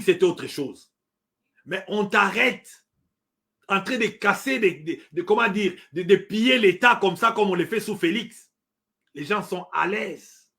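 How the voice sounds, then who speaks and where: Middle-aged congolese guy ranting about politics, highish voice, keeps repeating himself, lots of um-like fillers. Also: fairly bright tone. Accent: Congolese French. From Democratic Republic of the Congo. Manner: emphatic, repeats points, hesitant fillers. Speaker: political commentator. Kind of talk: impassioned political commentary.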